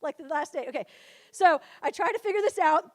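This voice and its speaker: A woman's voice: very high-pitched, fairly quick. A young woman in her twenties speaking at a retreat, telling a humorous personal story in a chatty way, full of "like" and frequent laughter.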